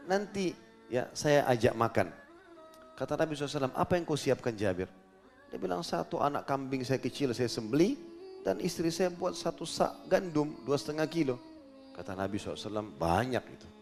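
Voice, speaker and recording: Guy preaching, tells the story w/ voices for everyone, faint music behind him. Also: fairly quick. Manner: animated storyteller, acts out dialogue with pitch jumps. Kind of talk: sermon storytelling.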